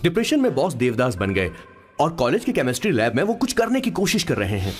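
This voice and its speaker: Chatty loyal young sidekick. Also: male voice, medium pitch, fairly quick, over music. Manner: chatty, lively storytelling. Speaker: boss's assistant and narrator. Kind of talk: Hindi film dub.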